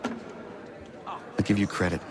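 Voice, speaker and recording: An actor playing a stern, impatient prisoner hero who speaks bluntly, formally and with skepticism. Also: male voice, slow, very noisy, close to an everyday voice. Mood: skeptical.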